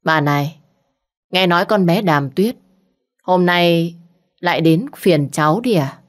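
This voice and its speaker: Stern elderly matriarch, authoritative storybook figure, read by a woman; low-ish. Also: unhurried, close to an everyday voice. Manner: authoritative, lecturing. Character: stern old grandmother, matriarch of a rich house.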